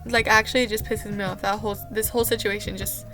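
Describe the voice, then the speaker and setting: A woman's voice: mid-range voice, level tone, fast talker, music in the background. A young woman and camp counselor telling a casual storytime vlog, rambling and exasperated, with lots of "like". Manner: exasperated rambling rant, heavy use of "like".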